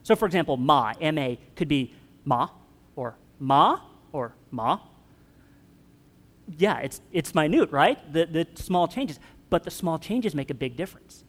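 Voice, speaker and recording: A man preaches a relaxed, joking sermon and asks his congregation easy questions. His voice sits a bit high for a man. The sound trails off in the long reverb of a church hall. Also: normal speed. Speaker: pastor.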